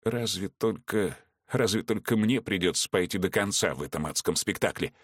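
A man voicing a cruel, vengeful male villain in an audiobook, gloating and ranting between low menace and shouting. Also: lively intonation, normal speed, no room sound, clean studio sound. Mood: taunting. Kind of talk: audiobook character reading.

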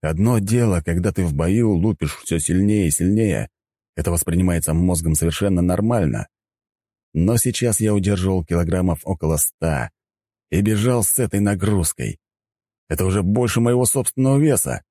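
A man reading a first-person audiobook in a steady storytelling manner. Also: low voice, normal speed, dry recording. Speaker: audiobook narrator.

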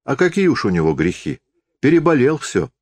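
A man's voice: medium pitch, sing-song, a little fast, dry recording, pitched above the performer's own voice. A man reading a story voices a devout, fretful old peasant woman. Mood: pious, sighing.

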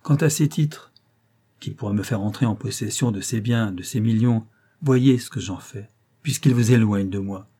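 A man's voice: on the low side, normal speed, warm tone, husky. A man reading an audiobook, voicing a proud and loving young princess in hiding, with solemn, declamatory delivery. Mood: earnest.

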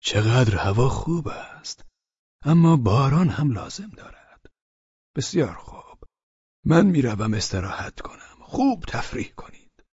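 A man reading an audiobook, voicing a feeble, good-natured old man who speaks slowly and faintly. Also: mid-range voice, very animated, darkish tone, slightly rough, dry recording. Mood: contented. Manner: slow, faint, wavering delivery. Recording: dull lo-fi sound.

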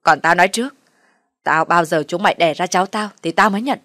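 A woman voicing an enraged middle-aged mother-in-law who hurls shrill, abusive insults in a low-pitched voice. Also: fast talker, fairly bright tone, dry recording, clean studio sound, lightly acted. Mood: furious scolding.

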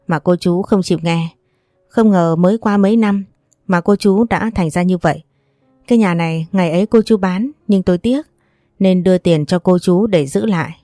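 Woman doing a stern older guy in an audiobook, firm, kinda low voice. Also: dark tone, no room sound, clean studio sound, natural voice. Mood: calm. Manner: firm, scolding. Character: stern older man, protective uncle figure.

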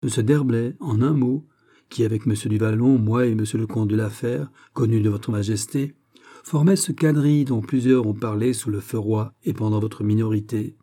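A male reader playing an emphatic, witty musketeer, husky low voice, storybook reading. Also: moderate pace, warm tone, natural voice. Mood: eager. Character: bold, witty musketeer captain. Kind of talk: audiobook character reading.

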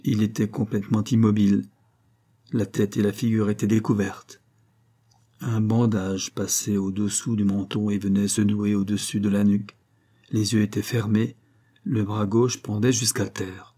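A man narrating an audiobook of a classic tale in a measured, dramatic storytelling manner. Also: fairly low pitch, level tone, mellow.

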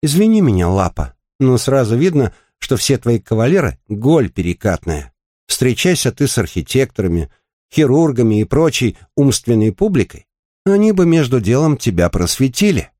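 A brash, crude courier guy who mocks and needles, pitched higher and bouncing all over his range, as a male reader puts him on. Coarse and teasing, with a dry close sound. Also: sing-song, normal speed, warm tone, no echo. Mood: mocking.

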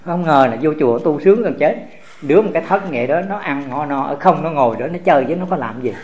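A man's voice: on the high side, animated, fast talker, a little mellow. An older man, a Buddhist monk teacher with a Southern Vietnamese accent, preaching to his disciples in a folksy, teasing way, full of rhetorical questions. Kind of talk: sermon.

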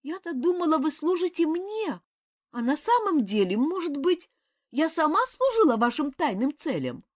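A woman reading the part of an excitable, indignant young princess in an audiobook. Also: moderate pace. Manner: high, breathless and reproachful.

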